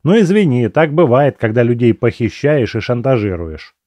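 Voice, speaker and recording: A man's voice: mid-range voice, expressive, moderate pace, a little mellow, dry recording, pitched above the performer's own voice, lightly acted. A man reading an audiobook, voicing the sarcastic male hero, a prisoner who answers back with biting remarks.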